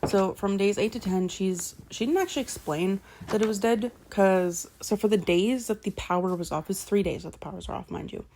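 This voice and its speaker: A woman's voice: medium pitch, brisk, few pauses, a little mellow, slight background noise. A woman casually retelling a novel's plot as a vlogger, rambling with lots of fillers, backtracking to correct herself and swearing offhandedly. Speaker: book vlogger.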